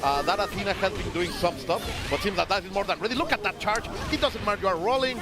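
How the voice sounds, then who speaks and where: A man with a high voice commentates a live fighting game tournament. His phrasing is that of a non-native speaker. Loud music and a big crowd fill the space behind him. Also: quick pace. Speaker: esports commentator.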